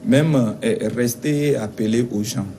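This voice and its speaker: A man from Togo representing a teachers' union, answering interview questions in a measured, insistent way with some hesitations. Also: medium pitch, mellow, a little hiss or hum.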